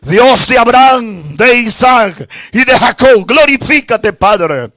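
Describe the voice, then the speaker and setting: A middle-aged man, a pastor, preaching and praying in an impassioned, shouting style into a handheld microphone in a small church hall. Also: very high voice, expressive. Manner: impassioned, shouting, drawn-out phrases; standing, fist raised while preaching. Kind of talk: Pentecostal-style shouted sermon and prayer.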